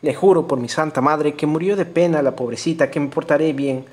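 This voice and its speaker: A man's voice: a little high, a little fast, a little mellow, close to an everyday voice. A man reading an audiobook voices a hunted peasant outlaw who is humble and desperate and speaks in an earnest, imploring way.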